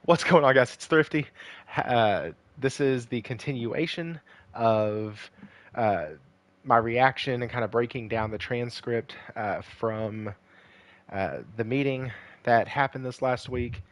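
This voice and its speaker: A man with a medium-pitched voice hosts a casual gaming livestream, taking things slowly even though he's hoarse and losing his voice. He rambles with lots of fillers and greets viewers by name, and the recording is dry.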